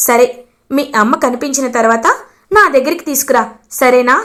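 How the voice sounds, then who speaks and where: A woman's voice: high-pitched, moderate pace, a bit bright. A woman voicing a proud, stern grandmother who scolds with indignant questions. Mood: chiding.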